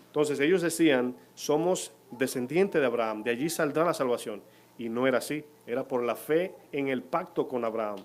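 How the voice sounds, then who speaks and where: A man's voice: mid-range voice, normal speed. A man preaching a sermon in church, putting questions to the congregation as he goes. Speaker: pastor.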